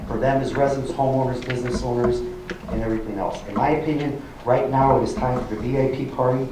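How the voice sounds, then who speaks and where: A man's voice: mid-range voice, steady tone, fast. A man running for local office makes an emphatic, rhetorical closing argument at a public forum. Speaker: village board candidate. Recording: very echoey hall, distant mic, noisy.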